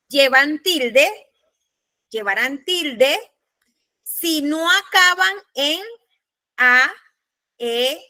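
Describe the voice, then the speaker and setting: A woman's voice: high voice, sharp tone, dry recording. A woman instructor giving a law-writing class, patiently spelling out examples. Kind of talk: lecturing on spelling rules.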